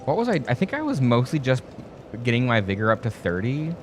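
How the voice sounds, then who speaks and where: A man's voice: medium pitch, huge pitch swings, a little fast, noisy background. A man hosting a let's play, chatting casually and thinking aloud as he plays, full of fillers and restarts. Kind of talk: casual gameplay commentary.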